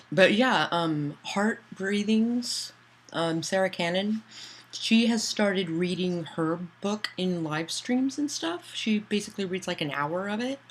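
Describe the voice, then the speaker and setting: An author livestreams to patrons at a medium pitch, chatting loosely and reading chat messages aloud to answer them. The talk is full of fillers and restarts.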